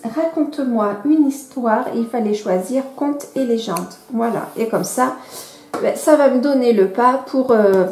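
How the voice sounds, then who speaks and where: Chatty high-voiced woman, echoey room. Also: a little mellow. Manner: chatty, hesitant, frequent fillers and self-corrections. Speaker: coloring vlogger. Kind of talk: casual show-and-tell vlog. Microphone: camera microphone she moves around. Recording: echoey room with faint background music.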